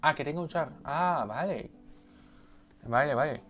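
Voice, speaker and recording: A man commenting casually on his game at home at night, muttering quietly to himself. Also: on the high side, a little slow, highs cut off, faint music behind. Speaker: gameplay video creator.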